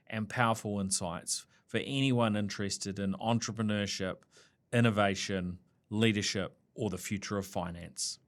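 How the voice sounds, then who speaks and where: A man with a New Zealand accent hosting a business podcast, friendly and loose, with many fillers and restarts. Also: fairly low pitch. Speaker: podcast host. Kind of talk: podcast interview.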